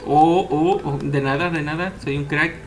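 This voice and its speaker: A young man giving casual, excitable let's-play commentary as he plays, cheering on the characters. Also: on the high side, moderate pace. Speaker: gameplay commentator.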